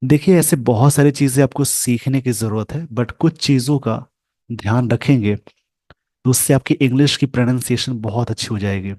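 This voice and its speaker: A man leads learners through English pronunciation on a shared screen, taking his time and saying sounds again and again. It's a mid-range, faintly mellow voice in an echo-free recording.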